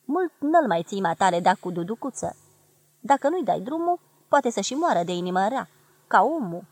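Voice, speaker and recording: A woman's voice: medium pitch, sing-song, breathy edge, no room sound. A woman voicing an old male forester with plain country speech, read from a memoir. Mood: earnest.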